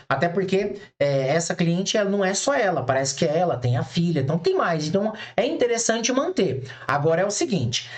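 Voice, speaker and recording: A man teaching eyebrow designers in a casual online class, chatty, blunt and familiar with his listeners, often acting out conversations with clients. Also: sits high. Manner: chatty, acts out client dialogues in quoted voices.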